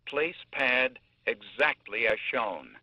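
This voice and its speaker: A man voicing a calm talking defibrillator, giving clear, clipped rescue instructions in a measured way. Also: mid-range voice, dry recording, heavily acted, low-quality recording. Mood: calm, instructive. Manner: measured, imperative, clipped sentences. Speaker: defibrillator voice prompt. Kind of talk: spoken device instructions.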